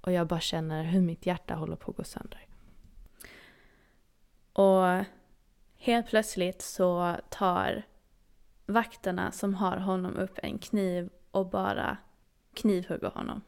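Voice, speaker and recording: A woman recounting a personal experience with quiet earnestness, her voice sitting at an ordinary middle pitch. A gravelly fry runs through her speech. At tense moments she sinks almost to a whisper. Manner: earnest, intimate, dropping to near-whispers at intense moments. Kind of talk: personal storytelling.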